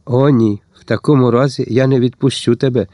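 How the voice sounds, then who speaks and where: Narrator doing firm Cossack leader, commanding, dry, storybook. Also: male voice, mid-range voice, fairly even intonation, brisk, mellow, dry recording, close to an everyday voice. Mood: tender. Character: stern Cossack otaman, young male leader.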